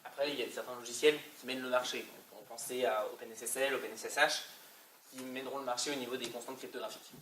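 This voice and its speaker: Male conference speaker, French accent, colloquial and hesitant, bright tone, echoey room with faint noise. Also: mid-range voice, fairly even intonation, quick pace, recorded from a distance. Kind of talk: informal technical presentation.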